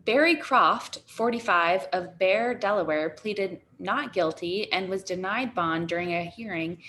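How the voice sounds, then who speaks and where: A woman's voice: mid-range voice, unhurried, fairly bright tone, slight background noise. A woman co-hosting a talk show, reading a news article aloud for listeners. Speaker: co-host.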